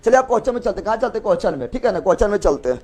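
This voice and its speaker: Male teacher, high voice, classroom lecture, repetitive question-and-answer drilling. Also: very animated, racing, darkish tone. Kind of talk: classroom lecture with call-and-response.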